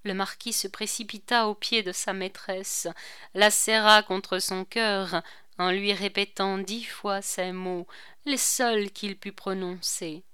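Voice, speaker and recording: A woman narrates a classic novel in a slow, deliberate audiobook reading. Her voice is bright and very clear. The sound is dry and close. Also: medium pitch, fairly even intonation, dry recording.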